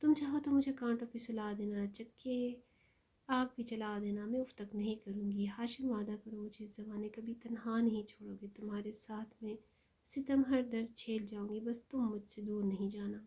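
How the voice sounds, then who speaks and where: A woman's voice: medium pitch, fairly even intonation, mellow, breathy edge, close to an everyday voice. A woman voicing a young devoted wife in an audio story, speaking earnestly and imploringly. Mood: pleading.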